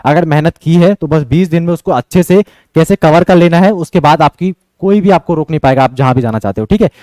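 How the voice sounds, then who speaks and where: A man's voice: on the high side, warm tone, no echo. A young man coaching students on exam strategy, direct and insistent, who keeps checking in with his listeners. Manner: fast, repeatedly checks in with "ठीक है?".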